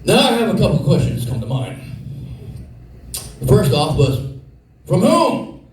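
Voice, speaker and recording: A man's voice: high voice, very animated, normal speed, a little mellow, slight background noise. Profane man telling a story, very echoey. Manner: profane, exasperated rant. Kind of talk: comedic storytelling. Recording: very echoey room, mic far off.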